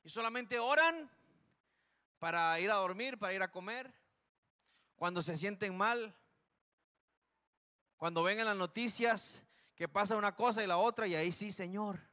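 A male preacher from Costa Rica delivers a passionate sermon in a church. His voice sits high and rings bright. He swings from urgent, forceful declarations to hushed, low warnings. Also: measured pace, long pauses. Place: church sanctuary.

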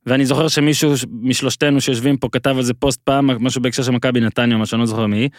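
A man hosting a podcast in casual chat, bantering and quick to joke and push back. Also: mid-range voice, steady tone, dry recording, clean studio sound. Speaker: podcast host.

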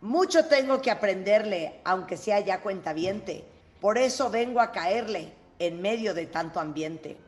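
A woman's voice: mid-range voice, lively intonation. Bantering woman radio host. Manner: brisk, bantering. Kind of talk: reading humorous verse on radio. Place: radio studio.

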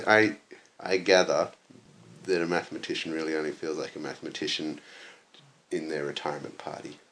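A man's voice: extremely low pitch, fairly bright tone, a little hiss or hum. A young man at university chatting casually about his studies, dry and self-deprecating, often chuckling. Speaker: interviewee, university maths student. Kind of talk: casual conversation.

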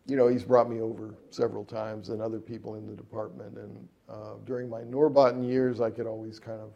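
A middle-aged jazz trumpet player and composer meanders through a relaxed interview about his music career, pausing often on fillers and restarting sentences. His lowish voice is gravelly and dark with an even, flat delivery, and the highs are cut off.

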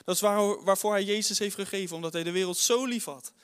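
A man's voice: high voice, fast, a bit bright, smooth. A man preaching a fervent sermon to a congregation, often calling out "Amen" and addressing the Lord in prayer. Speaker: guest preacher.

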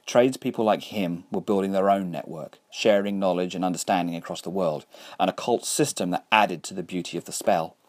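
A man narrating a story in a measured, wry way. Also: deep voice. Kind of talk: audiobook narration.

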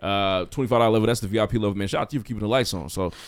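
A man's voice: lowish voice, very fast, slight background noise. A man hosting a podcast, reading show promos in a laid-back, casual way and tagging "man" onto his sentences. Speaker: podcast host.

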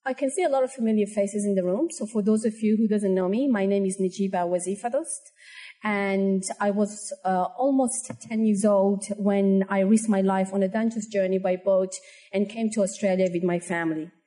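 A woman from Afghanistan giving an earnest, measured presentation as a panel speaker at a conference. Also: medium pitch, dark tone, low-quality recording. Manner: earnest, measured address to an audience.

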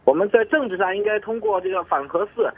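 A man calls in over a thin, crackly phone line, his voice high and leaping. He rants at a rapid clip with an agitated edge. His voice is husky and breathy. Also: expressive. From Shanghai. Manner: agitated, rapid-fire ranting. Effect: heard over a crackly phone line. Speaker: caller. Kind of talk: call-in comment.

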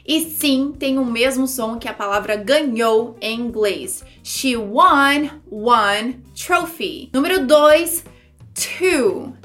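A high-pitched woman teaches English in a video lesson, taking her time and carefully sounding out each word. Her delivery is lively and demonstrative. Faint music plays underneath.

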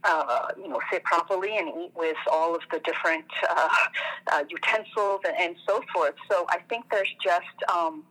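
Middle-aged woman, lowish voice, halting and reflective, interview guest, phone-line sound. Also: fairly bright tone. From born in Tunisia, raised in Algeria, France and the US. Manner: reflective, halting, with fillers and restarts. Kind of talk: conversational interview.

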